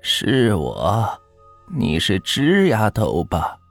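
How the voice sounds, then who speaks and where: A man voicing a kindly old village grandmother in a ghost story, speaking slowly and soothingly. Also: lowish voice, huge pitch swings, gravelly, soft background music, full character voice. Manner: slow, soothing.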